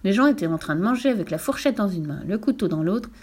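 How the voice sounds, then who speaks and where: A woman's voice: mid-range voice, animated, fast talker, darkish tone, husky. A woman voicing a cheeky, fearless little girl who tells tall tales, in a storybook read-aloud. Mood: boastful. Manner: brash, playful, makes up tall tales.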